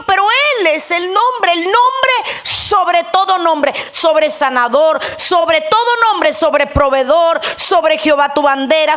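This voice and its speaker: A woman's voice: extremely high pitch, a bit bright. A woman pastor preaching a sermon, repeating phrases for emphasis and putting questions to the congregation.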